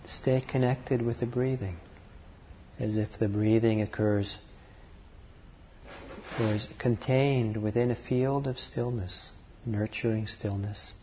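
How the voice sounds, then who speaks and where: A man guiding a meditation at a very slow pace, letting each short phrase hang before the next. His voice sits a little low and sounds mellow and relaxed. The delivery stays calm and unhurried throughout. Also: a little hiss or hum. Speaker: meditation teacher. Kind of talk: guided meditation.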